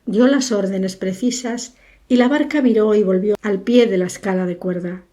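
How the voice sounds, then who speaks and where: A woman reads a literary story aloud as an audiobook narrator, measured and unhurried. Her voice is dark and mellow, at a middle pitch for a woman.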